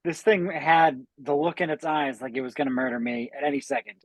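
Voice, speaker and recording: A man's voice: on the high side, fairly quick, dry recording, low-quality recording. A man co-hosting a podcast in casual chat, earnest and insistent, with hesitant fillers. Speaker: podcast co-host.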